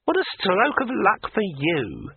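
Kring, a high ringing magic sword. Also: male voice, wildly swooping pitch, gravelly, slightly rough, no room sound, exaggerated voice. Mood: pushy, breezy. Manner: drawn-out, pushy and self-important. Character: chatty, bossy talking magic sword. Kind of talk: audiobook character voice. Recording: tinny dry radio recording.

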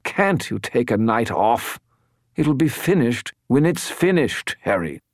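Whiny, grumbling male skull spirit in a storybook, pitched well above a man's own low voice, complaining and put-upon. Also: very animated, slow, no echo, studio quality.

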